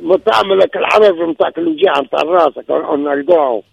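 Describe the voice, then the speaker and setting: The voice is on the high side, quick, and full of vocal fry, with lo-fi sound and no room echo. He's a caller in his sixties with a Tunisian accent, recounting his marriage troubles emphatically and repeating himself.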